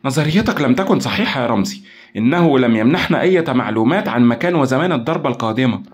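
A man playing an excitable young wife in an audio drama, speaking sharply and eagerly. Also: medium pitch, very fast, breathy edge, voice pushed up. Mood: irritated. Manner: agitated, eager.

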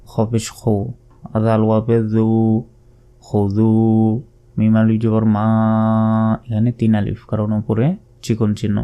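A man with a Bangladeshi Bengali accent teaching Quran recitation, patiently spelling out each letter and drawing the words out slowly. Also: fairly low pitch, completely flat delivery, dull audio, soft background music.

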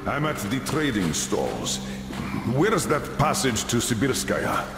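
A man's voice: mid-range voice, very animated, slow. An actor playing a male military commander, speaking tersely over a short-range radio intercom. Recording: echoey hall, music behind.

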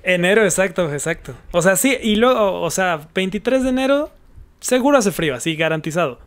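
A man with a fairly high voice chimes in with short agreements. His replies are quick and casual, backing up the main storyteller. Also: animated, clear, resonant tone. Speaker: podcast co-host. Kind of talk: casual chat.

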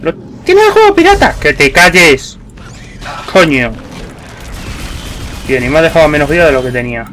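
A young man with a Spain Spanish accent commentating a horror game, swearing often and shouting at the enemies. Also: fairly high pitch, very animated, moderate pace, pauses often, a little hiss or hum. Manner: swears a lot, yells at enemies. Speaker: gameplay commentator. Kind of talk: let's play commentary.

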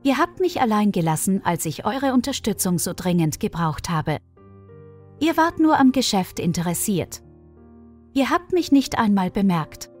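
A woman's voice: medium pitch, very animated, moderate pace, darkish tone, soft background music. A woman reading a bitter, accusing grown son. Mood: angry. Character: resentful spoiled adult son, angry.

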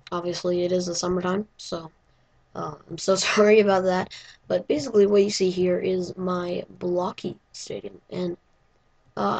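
A woman with a hoarse voice, giving a casual, rambling walkthrough of her game build with lots of hesitant fillers. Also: lowish voice, a little mellow, low-quality recording. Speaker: gaming video creator.

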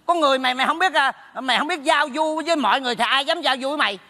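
High, bright, blunt neighbor who teases his friend; stage comedy with long reverb. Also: exaggerated voice. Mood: teasing. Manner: teasing, blunt, rapid scolding. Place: theater stage.

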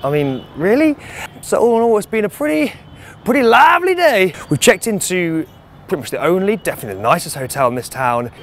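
High, very animated and brisk, this man's voice belongs to a twenty-something travel vlogger from the United Kingdom with a British English accent. Wearing a lapel mic, he makes a casual vlog of his road trip outdoors and in hotel rooms, chatty, joking and self-deprecating, with music underneath.

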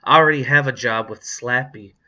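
A man voicing a snooty, competitive twelve-year-old girl in an audiobook reading, in a high, sneering voice. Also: normal speed, bright, forceful tone, breathy edge, muffled recording.

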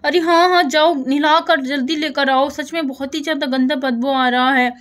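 A woman's voice: steady tone, moderate pace, a bit bright. A woman voicing a young village husband in a doll story, fussy at first and then eager to help. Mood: fussing. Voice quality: same high voice as narrator, barely lowered.

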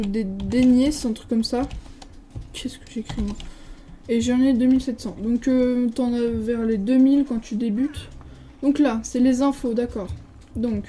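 A woman's voice: a little high, mellow, low-quality recording. A French woman giving a casual, hesitant commentary while touring a game server, reading signs aloud with lots of filler sounds. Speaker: gaming video creator.

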